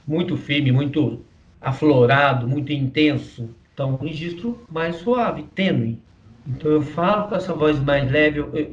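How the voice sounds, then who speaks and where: A man with a Brazilian Portuguese accent gives a patient voice lesson, his voice sitting a little high. He keeps checking that his listener is following and demonstrates different vocal registers. The mic is set back and the sound is dull and muffled. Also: distant mic. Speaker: singing teacher. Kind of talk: explanatory voice lesson.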